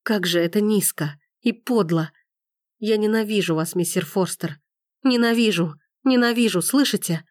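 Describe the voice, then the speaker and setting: A woman's voice: a little high, expressive, moderate pace, no echo, studio quality, pitched above the performer's own voice, lightly acted. A woman voicing a furious, hurt young woman who pleads near tears. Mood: accusing. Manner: impassioned, rising, near tears.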